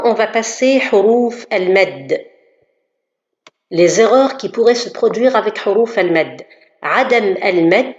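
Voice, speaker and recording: Slow, patient woman teaching pronunciation. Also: medium pitch. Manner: slow, careful, demonstrates sounds, repeats syllables. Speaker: tajweed teacher. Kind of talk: pronunciation lesson. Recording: echoey, dull lo-fi room recording.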